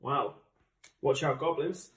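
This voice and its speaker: A man's voice: mid-range voice, slow pace. A man with an English accent giving chatty, enthusiastic, casual unboxing commentary as a board game channel host. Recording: roomy, distant microphone.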